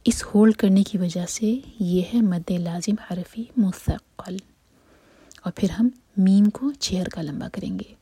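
Woman, whispered tutorial, breathy mellow whisper, dry close sound, slow and methodical. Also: mid-range voice, no echo. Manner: mixes English terms into explanations. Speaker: Quran recitation teacher.

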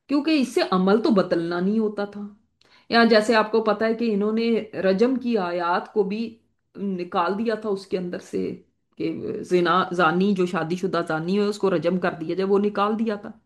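A woman's voice: mid-range voice, a little mellow. A woman giving a religious lecture as a Quran teacher, explaining points through worked examples and rhetorical questions.

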